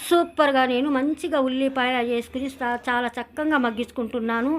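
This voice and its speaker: A woman's voice: high-pitched, brisk. A middle-aged woman with a Telugu village accent, narrating her home cooking in a chatty, rambling way. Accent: Telugu village speech. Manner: chatty, rambling storytelling with many restarts. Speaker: cooking channel host. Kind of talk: casual cooking vlog narration.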